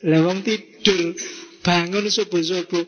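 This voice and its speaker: A man with a Javanese accent giving a lively philosophy lecture to students, mixing in Javanese phrases and acting out quoted messages. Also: sits high, takes it slowly, lo-fi sound, a little hiss or hum. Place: mosque hall. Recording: reverberant hall.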